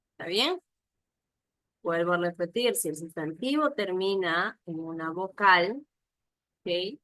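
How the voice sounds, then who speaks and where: A woman's voice: on the low side, sharp tone, dry recording, rough recording. A woman teaching an online class, patiently repeating examples and checking whether her students follow.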